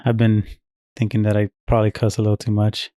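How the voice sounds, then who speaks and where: A man's voice: on the low side, completely flat delivery, fast, mellow, no echo. Blunt, foul-mouthed podcast guy. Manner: blunt, swears heavily. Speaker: podcast co-host. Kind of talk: casual chat.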